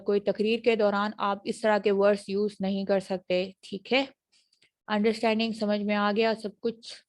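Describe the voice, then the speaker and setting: A woman with a Pakistani accent giving an online university phonetics lecture, explaining patiently and checking often whether students understand. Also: medium pitch. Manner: explanatory, repeats English phrases slowly then fast.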